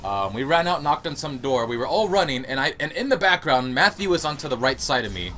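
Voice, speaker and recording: Young man, bright crisp voice, casual chatty Q&A, rambling, laughs a lot, home recording. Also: medium pitch, big pitch swings, brisk, a little hiss or hum. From United States. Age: young adult. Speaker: YouTube gaming channel host. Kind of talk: casual Q&A monologue.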